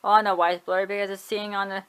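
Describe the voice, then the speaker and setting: Giving a casual home video tour, a woman shows off her collection rapid-fire in a medium-pitched, flat, slightly bright voice with a clean tone. She's chatty and offhand, correcting herself and shrugging things off as she goes.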